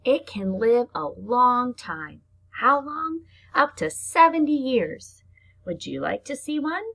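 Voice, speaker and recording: In a children's read-aloud lesson, a husky-voiced elementary teacher reads slowly and deliberately, breaking off for chatty asides that explain things simply. Her voice leans high, sing-song and a bit bright.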